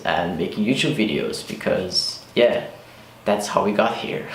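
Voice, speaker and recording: In an echoey, sparsely furnished room of a new house, a car vlogger chats casually to camera in a fairly low voice, with slight background noise. He's a Flanders native in his twenties from Belgium with a Flemish accent and Dutch as his mother tongue. His talk is full of "like" and restarts.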